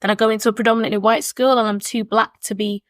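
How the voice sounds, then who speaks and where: A woman in her 20s, born in Zimbabwe and raised in Leeds, England, speaks fast in a slightly high, steady voice. She's an education consultant sitting at a table with the hosts as a podcast guest, giving earnest, reflective answers and often repeating words as she thinks. The studio-quality audio has no echo.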